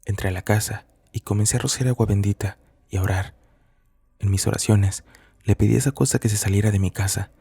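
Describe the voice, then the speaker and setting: A man reading a first-person horror story as scripted narration, measured and somber. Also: on the low side, fairly even intonation, creaky, mellow, slightly rough, dry recording, clean studio sound.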